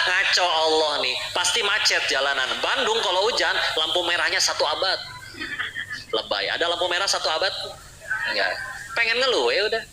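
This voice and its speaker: Male preacher, playful and quizzing the crowd; raised pitch, echoing hall with audible background noise. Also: sharp tone. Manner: teasing, asks the audience questions. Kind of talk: humorous sermon to a live audience.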